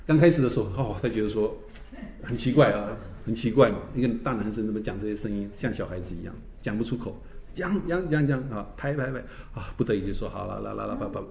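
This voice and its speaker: A man, a pastor teaching a church class, telling stories in a lively way, tagging his phrases with "哈" and laughing often. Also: fairly low pitch, quick pace, slight background noise. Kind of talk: teaching a Bible class, with anecdotes. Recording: roomy echo.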